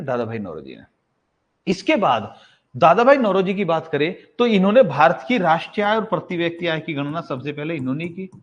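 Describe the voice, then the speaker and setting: A male teacher giving an exam-prep history lesson in a casual way. He asks a question, answers it himself and repeats the key facts. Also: on the high side. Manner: casual, addresses students as bhai. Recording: slightly dull lo-fi sound.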